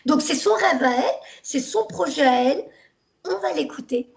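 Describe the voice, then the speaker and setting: A woman host introducing a guest speaker, pausing with fillers. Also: high-pitched, expressive, vocal fry.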